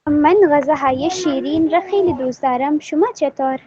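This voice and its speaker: A woman student, practicing a dialogue and asking simple questions slowly. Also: high voice, warm tone. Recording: lo-fi with faint noise.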